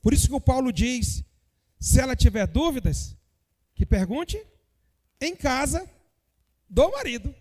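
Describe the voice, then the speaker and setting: High-voiced man teaching a Bible lesson. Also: sing-song, unhurried, long pauses, dark tone, in a large hall. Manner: joking asides, frequent tag questions; addresses the congregation directly. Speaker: Sunday school teacher.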